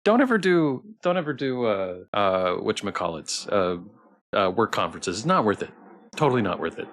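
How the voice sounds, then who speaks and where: With a fairly low, slightly bright voice and big swings in pitch, a weary streamer talks at a normal pace while playing a visual novel. He chats loosely with his viewers, rambling hesitantly with restarts and repeated phrases. There is slight background noise.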